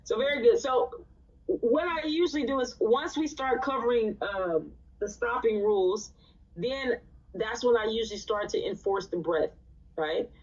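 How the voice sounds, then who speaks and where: A woman's voice: fairly high pitch, normal speed. A woman teaching a live recitation class in a conversational way, often checking in with her students. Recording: distant, dull lo-fi sound.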